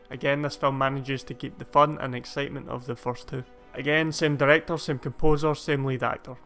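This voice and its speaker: A man's voice: mid-range voice, fairly bright tone. A man hosting a scripted comedic film review, talking in a wry, dry jokey way. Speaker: host of a movie review show.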